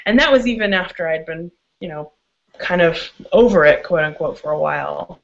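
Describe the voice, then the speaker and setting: A guest expert answering interview questions frankly, with quick laughs, profanity and frequent restarts. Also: female voice, lowish voice, animated, creaky. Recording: dull lo-fi audio.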